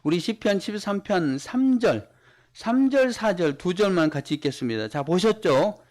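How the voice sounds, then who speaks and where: High-voiced male pastor preaching. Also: lively intonation, normal speed, darkish tone. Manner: explains scripture verse by verse, repeating key phrases for emphasis; acts out mocking voices of unbelievers. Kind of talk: sermon.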